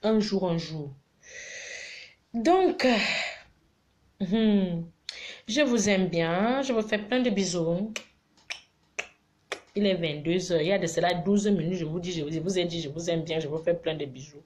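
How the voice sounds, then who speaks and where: A middle-aged woman, giving casual advice on a live stream in an animated, preachy but teasing way. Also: lowish voice, measured pace, long pauses. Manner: animated, preachy and teasing, mixing scolding with affection.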